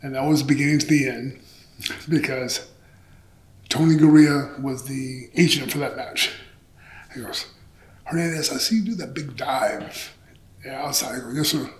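A middle-aged pro wrestler sits on a couch on a small indoor interview set, telling stories casually, candidly and profanely while acting out bits of dialogue. His medium-pitched voice has fairly even intonation at a moderate pace, pausing often, with roomy echo in the recording.

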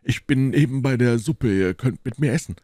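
A big, boastful musketeer with a hearty appetite, played by a man reading aloud. He speaks loudly with a raised pitch, cheerful and full of swagger, close and dry. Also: moderate pace, no room sound, close to an everyday voice. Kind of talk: audiobook character reading.

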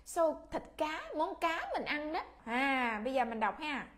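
High-voiced Vietnamese woman teaching children. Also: animated, measured pace, a bit bright. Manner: patient, repeats words for pupils to read along. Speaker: English teacher. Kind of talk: children's English lesson.

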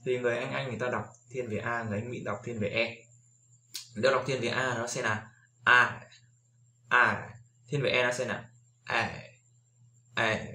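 A man with a bright, forceful voice teaches English vowels in a relaxed, chatty way. He repeats each sound over and over as he demonstrates it. A faint hiss sits under his voice. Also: mid-range voice. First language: Vietnamese. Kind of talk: casual video lesson.

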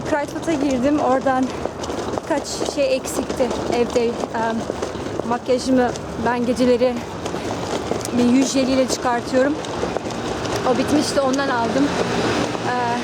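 Young female vlogger, high voice, chatty and personal, loud traffic noise around her. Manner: chatty, personal, with many fillers. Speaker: family vlogger. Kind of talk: casual vlog chat to camera. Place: outdoors on a busy city street, walking home.

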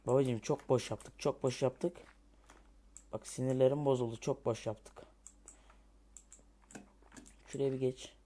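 Gamer guy, let's play commentary; talks to himself, mid-pitched, quick to grumble and curse. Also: steady tone, mellow. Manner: frustrated, grumbling and cursing at the game; thinking aloud while building.

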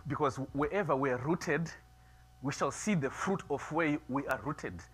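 A middle-aged man preaching a sermon in a small church, moving from quiet musing to loud, emphatic preaching. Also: a little high, normal speed, breathy edge. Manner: builds from soft musing to loud preaching, gestures widely. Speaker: pastor. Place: small church sanctuary, seated before altar flowers.

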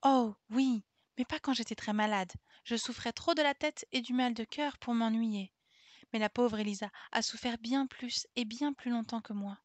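A woman voicing a lively, caring little girl in an audiobook, with a high, excited way of calling out. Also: moderate pace, no echo, natural voice. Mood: chatty. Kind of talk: audiobook character reading.

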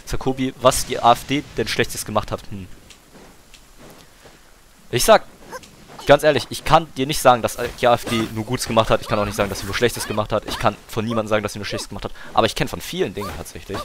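A young man's lowish, slightly bright voice rattles off fast speech with fairly even intonation as he streams a game. He chats casually, arguing his point in slang and talking over interruptions. There's slight background noise.

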